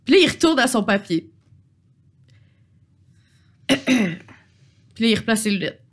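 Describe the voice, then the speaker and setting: A woman's voice: on the high side, very animated, takes it slowly. A woman narrating as game master, chatty, with frequent filler sounds.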